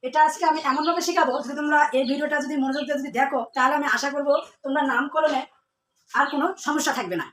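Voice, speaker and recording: A woman's voice: high voice, steady tone, racing, fairly bright tone, a little hiss or hum. A woman teaching a chemistry lesson to students, asking questions and then answering them herself, repeating the key terms. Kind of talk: classroom lesson. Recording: echoey room, mic at a distance.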